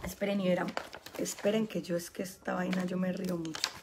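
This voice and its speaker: A woman's voice: fairly low pitch, level tone, a little fast, darkish tone, a little hiss or hum. A woman with a Medellín Colombian accent, telling a personal story to her online audience in a chatty way and laughing often. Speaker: spiritual healing coach.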